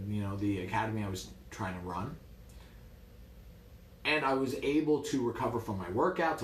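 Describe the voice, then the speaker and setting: A man from New York, a martial arts coach, telling a story in a lively, wry way. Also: mid-range voice, roomy sound, slight background noise. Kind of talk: casual storytelling.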